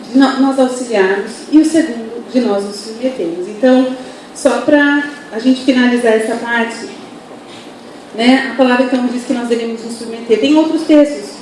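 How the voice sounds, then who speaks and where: A woman's voice: on the high side, dark tone. A woman with a Brazilian accent giving earnest, conversational teaching at a church family seminar, often asking "né?", recorded from far off in a very echoey hall with faint noise. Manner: earnest, conversational, frequent "né?" tags. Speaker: pastor's wife speaking at a church family seminar. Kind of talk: sermon-style teaching with anecdotes. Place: church auditorium.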